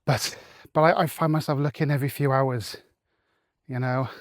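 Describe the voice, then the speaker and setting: A man's voice: mid-range voice, fairly even intonation, normal speed, no room sound, clean studio sound. Rambling man vlogging outdoors. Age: adult, married. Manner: rambling, with many fillers and restarts. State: a little out of breath from walking. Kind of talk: casual walking vlog. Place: open fields outdoors.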